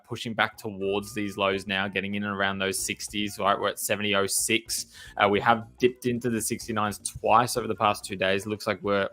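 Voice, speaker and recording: A man co-hosting a trading show, chatting casually and upbeat about markets with quick asides. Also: lowish voice, fairly bright tone.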